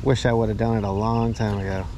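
A man hosting a fishing trip on a small boat, chatting casually, excitable and swearing freely. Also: fairly low pitch, fast. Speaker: angler host. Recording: outdoor boat and water noise.

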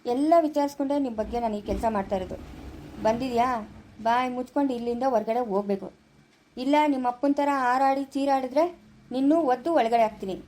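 A woman acts out a fearless young police inspector who fires off taunts fast in a high voice. The lines come quick and emphatic, in a homemade family skit. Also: mellow, lightly acted. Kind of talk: amateur family skit acting.

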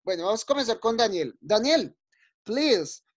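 Patient teacher on a muffled video call. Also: male voice, high voice, sing-song. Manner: patient and encouraging, repeats words slowly and often checks in. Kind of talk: online class for young children. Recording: dull lo-fi video call audio.

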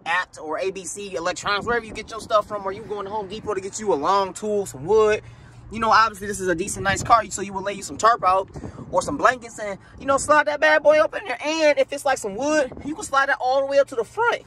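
A man with a high-pitched, bright, forceful voice moves quickly through a casual walkaround of a parked car, filming outdoors on his phone. The car vlogger swears, uses slang, stays loose, and speaks directly to viewers. Audio quality is poor, with wind noise on the mic.

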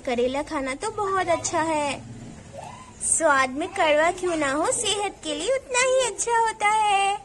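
A woman's voice: extremely high pitch, lively intonation, a little slow, a bit bright, a little hiss or hum, exaggerated voice. A woman doing a fussing village mother. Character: village mother, homely and cheerful.

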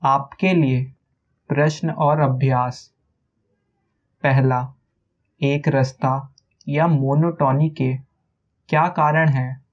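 A man narrating a self-help audiobook in a measured, explanatory way, speaking in short phrases and addressing the listener directly. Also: medium pitch, steady tone. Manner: measured, slow delivery in short phrases with frequent pauses; conversational, mixing in English words and asking the listener direct questions. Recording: slightly muffled lo-fi recording.

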